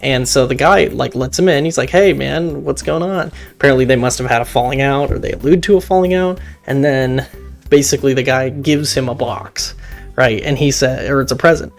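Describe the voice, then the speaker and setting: A man casually recapping a horror film, rambling and excitable, with laughs and swearing. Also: medium pitch, a little fast, gravelly, soft background music.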